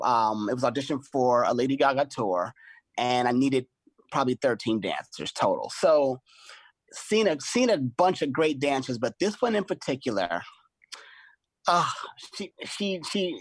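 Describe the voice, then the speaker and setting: Husky-voiced man telling stories. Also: mid-range voice, a little slow, no room sound. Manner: animated storyteller, acts out his own quoted lines. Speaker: choreographer and podcast guest. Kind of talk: casual conversation, storytelling.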